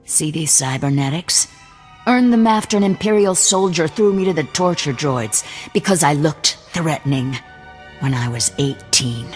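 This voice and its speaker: Faint music plays behind a man with a natural, somewhat high voice at normal speed. He's an actor in a game cutscene playing a distrustful, cybernetically implanted resistance cell leader, sounding hostile, gruff, curt and openly threatening.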